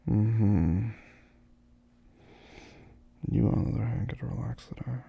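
Sleepy gravelly man murmuring softly. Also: on the low side, a little slow, phone-quality sound. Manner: soft sleepy murmuring, drifting into whispers. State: groggy, just woken up. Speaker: ASMR roleplay performer. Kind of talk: ASMR boyfriend roleplay.

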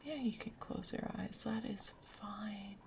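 A woman whispering softly in a gentle, soothing ASMR roleplay as a caring girlfriend. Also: medium pitch, measured pace, vocal fry, slight background noise. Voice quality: soft whispery. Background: rain sounds.

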